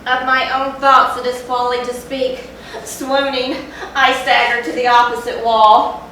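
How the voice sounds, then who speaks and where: A woman's voice: a little high, level tone, unhurried, sharp tone. Woman playing a gloating Gothic murderer, echoing hall. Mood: horrified. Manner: theatrical, emphatic, old-fashioned formal diction. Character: gloating, guilt-ridden murderer confessing, outwardly calm, inwardly frenzied. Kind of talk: dramatic stage reading of Gothic horror. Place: theatre stage, recorded from a distance. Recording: echoey hall, distant mic, noisy.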